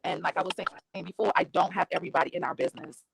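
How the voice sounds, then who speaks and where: Gravelly-voiced woman guest on a call. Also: lowish voice, steady tone, fast, slight background noise, rough recording. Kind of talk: casual online chat. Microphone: video call.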